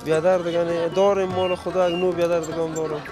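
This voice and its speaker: A man with an Afghan Dari accent, interviewed outdoors on a city street, giving short, halting answers. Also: fairly high pitch, flat delivery, music in the background.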